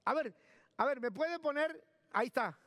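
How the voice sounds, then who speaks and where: Man preaching in a high, bright voice. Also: expressive, moderate pace, no echo, clean studio sound. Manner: emphatic, repeats key words, directs the sound booth. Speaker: pastor. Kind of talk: sermon. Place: church.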